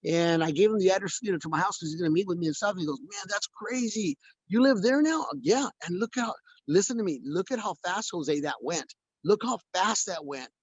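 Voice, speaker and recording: A man's voice: sits high, quick pace, breathy edge, no echo. A man leading a video call, giving a motivational talk to his sales team and repeating phrases for stress.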